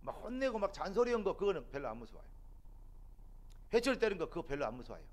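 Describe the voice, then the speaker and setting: A middle-aged man preaching a sermon as a pastor in a church, building to loud, emphatic peaks. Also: high-pitched, big pitch swings, fast. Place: church sanctuary.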